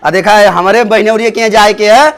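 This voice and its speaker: A man's voice: sits high, steady tone, brisk. A man with a Bhojpuri accent acting an impatient, harried husband in a comedy sketch, scolding and exasperated.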